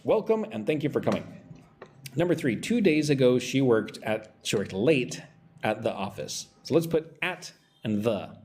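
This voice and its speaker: A man's voice: mid-range voice, very animated, normal speed, darkish tone, slight background noise. A man teaching English pronunciation on a live stream, talking with energy and reading out viewers' chat messages.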